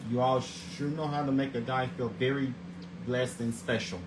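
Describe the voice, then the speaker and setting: A man in his forties hosts a casual vlog, speaking at an ordinary pitch. He trips over his words, repeating and restarting phrases as he reads out his segments. Clear background noise sits under his voice. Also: steady tone, moderate pace. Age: 40s. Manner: repeats and restarts words often, stumbles while reading; earnest, religious greetings. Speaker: host of a daily video show. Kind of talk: casual scripted vlog, reading segments aloud.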